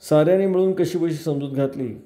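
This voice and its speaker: Mellow-voiced male storyteller in a roomy space. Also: on the high side, brisk. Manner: steady narration. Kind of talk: reading a novel aloud.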